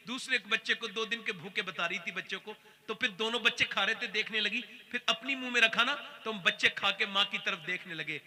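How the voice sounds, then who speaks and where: The preacher's voice sits high and sharp, carrying through a large hall. He recounts stories with strong feeling during his sermon, imitating the people he quotes.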